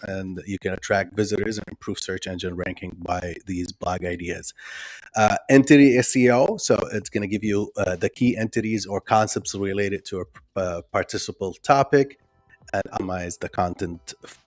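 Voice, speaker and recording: There's no room sound around this man's lowish voice as he hosts a live online workshop. English isn't his first language, and his loose, conversational style includes many ums and restarts as he reads viewer comments out loud.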